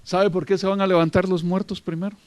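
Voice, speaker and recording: Male preacher, high voice, emphatic, repetitive, dry close sound. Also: level tone, fast, no room sound. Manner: emphatic, repeats phrases, addresses listeners as brother. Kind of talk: sermon.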